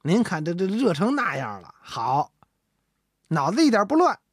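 Give me a woman telling a comic tale with lively, chatty asides. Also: medium pitch, normal speed, breathy edge, dry recording, studio quality. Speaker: storyteller. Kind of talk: traditional comic storytelling.

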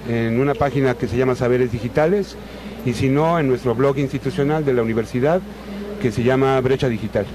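A man's voice: medium pitch, fairly quick, rough recording. A man, a guest author, giving plain, informative directions to where his work can be found. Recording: street crowd noise, away from mic.

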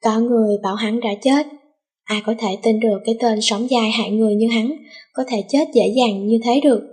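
A woman narrating a novel as an audiobook, reading in a steady storytelling manner with a breathy voice. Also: fairly high pitch, brisk.

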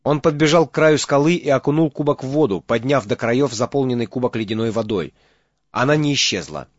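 A man's voice: mid-range voice, animated, brisk, dry recording, highs cut off. Man narrating an audiobook steadily. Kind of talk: scripted narration.

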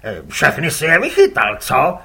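Male reader as a hot-headed cursing fisherman, bright and raspy, storybook shouting. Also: fairly high pitch, huge pitch swings, exaggerated voice. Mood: furious cursing. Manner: bellowing insults across the water. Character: foul-mouthed rival fisherman, hot-tempered and cursing.

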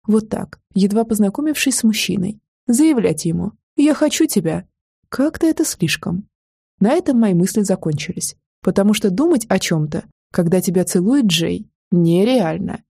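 Brief: female audiobook narrator, expressive first-person read, dry close sound. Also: medium pitch, gravelly, husky, dry recording.

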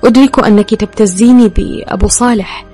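Quick-reading female audiobook narrator. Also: on the high side, mellow, soft background music. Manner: intimate first-person storytelling. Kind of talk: scripted narration.

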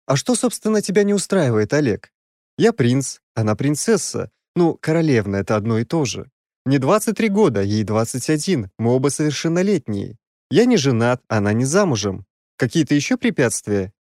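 A man's voice: very animated, moderate pace, a little mellow, dry recording, clean studio sound. A man doing a gushing lovesick young prince. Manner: eager, gushing, raised pitch.

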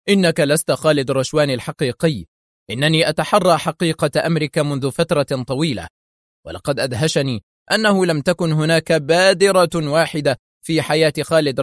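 Guy doing a nervy roughed-up dealer, a bit raised and pushy. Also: on the high side, no echo, clean studio sound, pitched above the performer's own voice, close to an everyday voice. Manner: agitated, pleading. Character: nervous, battered male drug dealer.

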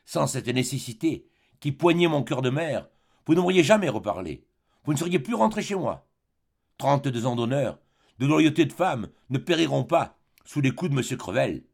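An indignant, dignified middle-aged baroness who rebukes in a declamatory tone, as a male audiobook reader puts her on. The voice swings widely in pitch and carries a gravelly, husky edge. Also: sing-song, moderate pace, a little mellow.

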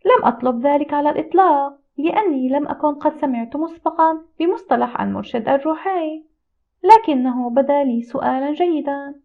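A woman reading a first-person audiobook in a steady, reflective storytelling manner. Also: sits high, a little fast, creaky. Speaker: audiobook narrator. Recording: tinny phone-like audio.

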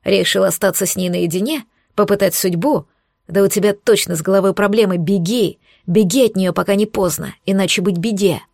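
A woman voicing a defiant young maid who is sharp-tongued and mocking, scoffing in a raised voice. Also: medium pitch, a little fast, gravelly, no echo, clean studio sound.

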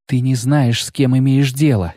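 A man's voice: medium pitch, fairly even intonation, normal speed, warm tone, dry recording, studio quality, close to an everyday voice. A man voicing a defiant young woman warrior on the run. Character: young female fugitive warrior, defiant and quick.

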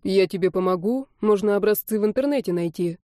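A woman voicing a polite young man who speaks slowly and mildly, calm even when accused. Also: medium pitch, dry recording, clean studio sound, close to an everyday voice. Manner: slow, calm and mild.

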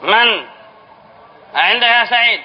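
A male teacher giving a classroom lesson on spelling rules, repeating key phrases, asking the class questions and then answering them, and dictating example words slowly. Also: extremely high pitch, lively intonation. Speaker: Islamic studies teacher. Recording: dull lo-fi lesson recording with faint hiss.

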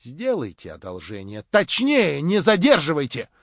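A man's voice: on the high side, wildly swooping pitch, normal speed, fairly bright tone, no echo, muffled recording, heavily acted. A man reading an audiobook, voicing an insistent young schemer who presses others with raised questions. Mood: pressing.

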